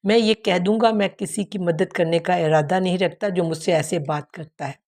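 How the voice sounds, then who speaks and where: A woman's voice: on the low side, fairly even intonation, a little mellow. Storybook schoolboy, irritable and defiant, as a woman narrator reads him.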